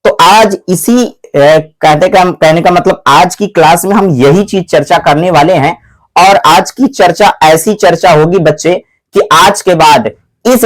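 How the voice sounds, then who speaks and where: A man's voice: sits high, poor audio. A man teaching English grammar in a video lesson, who keeps asking his viewers questions and answering them himself, calling them his children. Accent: Hindi-speaking North Indian. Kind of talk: classroom-style video lesson.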